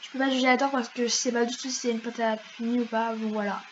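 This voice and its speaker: A woman's voice: fairly high pitch, fairly even intonation, fast talker, slight background noise. A woman chatting casually over her gameplay as a YouTuber, in a slangy way full of fillers. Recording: slightly dull lo-fi mic.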